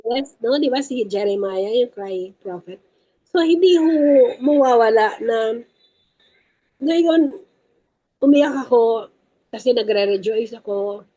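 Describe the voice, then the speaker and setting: A woman's voice: a little high, takes it slowly, long pauses, dark tone, muffled recording. A woman giving an emphatic faith talk to a prayer group, repeating her key points and speaking to the listeners as brothers and sisters. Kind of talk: Taglish faith teaching talk.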